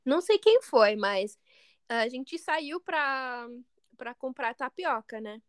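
Co-host: American-accented woman, hesitant, restarts often, high pitch. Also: lively intonation, slow pace, clear, resonant tone, dry recording, studio quality. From United States. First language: English. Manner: hesitant, searching for words, many restarts. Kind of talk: casual podcast chat.

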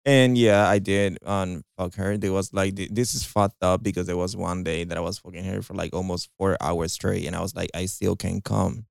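Man in his twenties, creaky and dry. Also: sits low, steady tone, normal speed, hardly any pauses, no echo. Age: 20s. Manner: laughing, exclaiming, profane. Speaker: podcast co-host. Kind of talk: crude casual chat.

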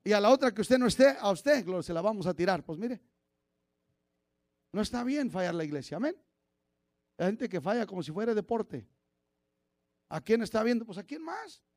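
A man, preaching a sermon as pastor, swinging from shouted preaching to low confiding asides. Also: expressive, normal speed, pauses often, no room sound, clean studio sound.

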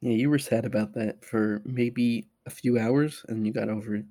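A man's voice: mid-range voice, steady tone, moderate pace, mellow. A young man co-hosting a casual podcast chat, dry and teasing. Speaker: podcast co-host.

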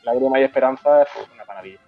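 A man tells an old memory at an unhurried pace, stumbling over and repeating his words. The recording is dull and lo-fi, with faint music underneath. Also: mid-range voice, creaky. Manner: halting, repeats words, moved. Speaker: host of a brotherhood talk show. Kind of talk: emotional storytelling in casual chat.

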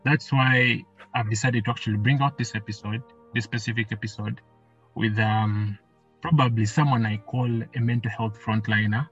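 A man's voice: lowish voice, fairly even intonation, moderate pace, a bit bright, highs cut off, faint music behind. A man hosting a podcast, chatting casually and rambling as he repeats himself. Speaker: podcast host. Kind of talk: casual interview.

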